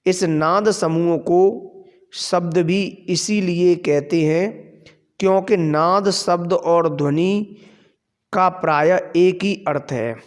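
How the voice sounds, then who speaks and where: A man with a high voice gives a grammar lesson at an unhurried pace. He poses questions to the class and answers them himself. A long reverb trails behind his voice, as in a large hall. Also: steady tone, clean tone. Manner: explains slowly, asks and answers his own questions. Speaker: Sanskrit grammar teacher. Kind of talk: classroom lecture.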